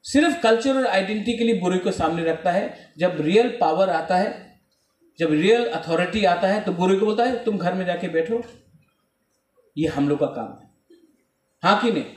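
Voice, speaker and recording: Man, high voice; exhorting speech to students; recorded from a distance in an echoing hall. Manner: exhorting, rhetorical questions to the crowd. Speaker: guest speaker at a student event. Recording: echoey hall, speaker off-mic.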